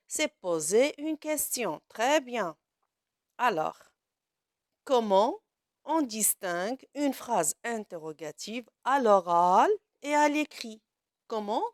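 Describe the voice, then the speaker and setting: Slow, patient French teacher, woman. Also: a little high, no echo, clean studio sound. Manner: slow, deliberate, asks questions and answers them herself. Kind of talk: classroom grammar lesson.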